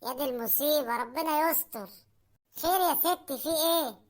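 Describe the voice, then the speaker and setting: A fast-talking cartoon husband, voiced by a woman grumbles about prices and pleads for a proper meal in Egyptian Arabic. The voice sits fairly high and the delivery is whiny and complaining. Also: fairly bright tone. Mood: grumbling. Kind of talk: cartoon comedy voice acting.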